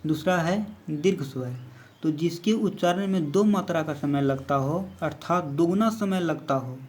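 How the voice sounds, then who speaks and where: A man's voice: a little high, moderate pace, a little mellow. A man teaching a basic grammar lesson, explaining step by step and counting letters aloud.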